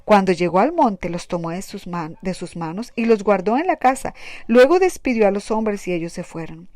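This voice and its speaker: Woman, Bible reader, mid pitch, dry close mic, steady plain delivery. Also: normal speed, no echo. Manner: plain steady reading with small restarts. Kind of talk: Bible reading aloud.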